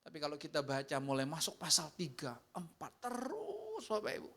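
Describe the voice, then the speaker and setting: A male pastor giving a conversational sermon. He speaks straight to the congregation, moves between animated and hushed delivery, and acts out the complaints and prayers he quotes. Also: fairly high pitch, moderate pace, husky.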